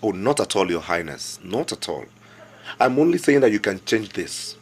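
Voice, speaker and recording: A man's voice: on the low side, sing-song, normal speed, breathy edge, exaggerated voice. An actor playing a respectful but insistent young local government chairman with a Nigerian accent, earnest and deferential while pressing his point. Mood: pleading. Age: young adult. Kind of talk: film drama acting.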